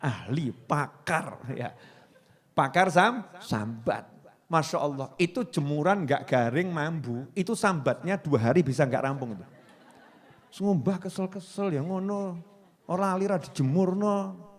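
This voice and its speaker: A man with a Javanese accent giving a casual, joking sermon, telling lively stories to his audience. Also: on the high side, a little slow. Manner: playful, joking, lively storytelling. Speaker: preacher.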